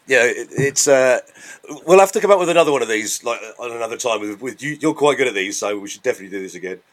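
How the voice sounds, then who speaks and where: A man's voice: mid-range voice, animated, quick pace. A man co-hosting a podcast in casual, bantering chat. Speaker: podcast co-host.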